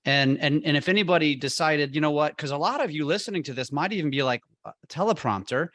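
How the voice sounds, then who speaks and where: A man's voice: fairly high pitch, fast talker, a bit bright, no room sound, studio quality. A man hosting a casual podcast debate, talking in emphatic, persuasive bursts. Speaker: podcast host.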